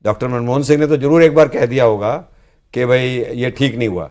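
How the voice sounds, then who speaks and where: An older man, a senior politician and former student leader, appears as a guest in a studio discussion, earnestly explaining past events. His mid-range voice is a little mellow and moves fairly quickly, and he often closes his sentences with "जी".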